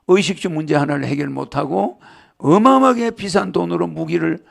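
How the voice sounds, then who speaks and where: A man with a strikingly gravelly, creaky voice that sits high for a man. He lectures a live crowd in a loose, rambling way and keeps checking in with rhetorical questions. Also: fairly quick. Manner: jokes and laughs with the audience. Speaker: spiritual lecturer.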